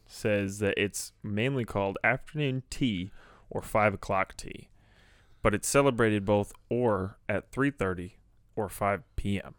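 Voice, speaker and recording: A man hosting a podcast, telling crude stories in an animated, profane, casual way. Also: fairly low pitch, unhurried, no room sound, clean studio sound. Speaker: podcast host.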